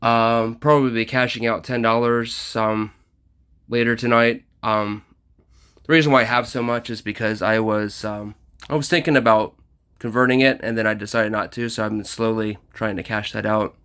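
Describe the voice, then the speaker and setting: A man's voice: lowish voice, steady tone, moderate pace, fairly bright tone, clear, resonant tone. A man casually talking through a mobile game session, slightly out of breath and full of ums and uhs. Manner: rambling with many ums and uhs. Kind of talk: casual gameplay commentary.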